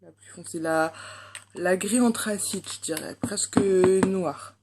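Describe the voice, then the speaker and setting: Speaking slowly in a lowish voice over some background noise, a young French-accented woman reviews a makeup palette for her beauty vlog. Her delivery is casual and unsure, full of fillers.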